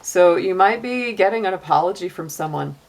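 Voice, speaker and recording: A woman's voice: lowish voice, animated, brisk, vocal fry. Chatty woman giving a tarot reading. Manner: chatty, laughs often, many "you know" and "like" fillers. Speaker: tarot reader. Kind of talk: casual monthly tarot reading.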